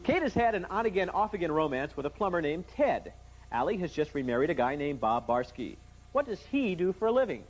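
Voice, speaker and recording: A man's voice: a little high, very animated, a little fast. A young American man hosting a game show, quizzing contestants with playful, joking patter. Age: young adult. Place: TV game show studio with audience. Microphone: lapel. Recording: noisy old TV tape, studio crowd.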